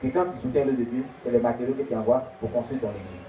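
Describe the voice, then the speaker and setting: A man preaching a sermon, telling a story in an animated way and swinging between loud and hushed. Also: medium pitch, fast talker. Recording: tinny, echoey, distant, faint noise.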